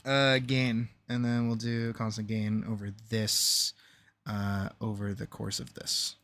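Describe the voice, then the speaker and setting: A man's voice: fairly low pitch, monotone, takes it slowly, a bit bright. A man chatting casually and thinking aloud as he edits on a livestream, swearing freely and sarcastically, with some muttering to himself. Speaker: animator editing their own series on a livestream. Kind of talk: casual chat, thinking aloud while editing.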